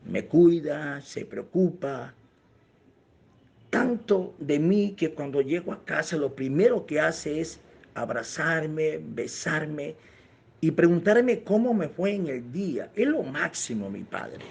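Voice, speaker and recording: A man's voice: on the high side, animated, slow pace, creaky, a little mellow, husky, exaggerated voice. A pastor retelling the words of a young man who fears his parents will divorce, quoted in an earnest, pleading way. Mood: admiring. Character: tearful teenage boy fearing his parents' divorce.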